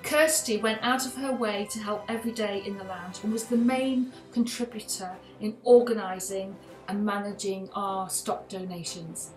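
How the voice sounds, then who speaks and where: A woman's voice: mid-range voice, fairly even intonation, darkish tone. Woman reading award citations in a roomy attic. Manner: measured, reads from a script. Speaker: awards presenter. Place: attic room at home. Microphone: video call. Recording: roomy video call audio with music.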